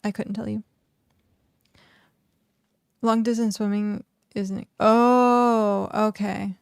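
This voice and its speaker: A woman's voice: medium pitch, flat delivery, slow, vocal fry, smooth, no room sound. A young woman game streamer chatting casually and rambling, with lots of "like", while she plays. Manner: rambling, chatty, heavy use of "like". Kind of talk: casual live-stream chat while gaming.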